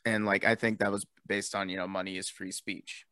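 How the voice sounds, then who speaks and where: A man's voice: sits low, little pitch movement, sharp tone, dry recording. Chatty young man, dry close sound. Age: young adult. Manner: chatty, peppered with "like", quick to laugh. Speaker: podcast co-host. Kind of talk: casual political chat.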